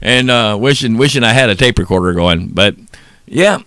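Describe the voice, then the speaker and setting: A man's voice: medium pitch, animated, moderate pace, pushed and bright, smooth, dry recording, studio quality. A man hosting a talk radio show in a casual rambling monologue, with a Southern US accent and many fillers. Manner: chatty and rambling, laughs often at own jokes; many fillers and repeated words.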